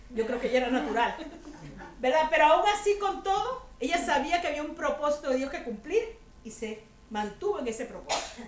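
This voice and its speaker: A high-pitched woman preaches to a women's group in a chatty, humorous way, checking in with her listeners through rhetorical questions. Her voice rings around an echoey church room, with a faint murmur of ambience underneath. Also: a little hiss or hum. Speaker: women's ministry speaker. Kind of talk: conversational sermon to a women's group.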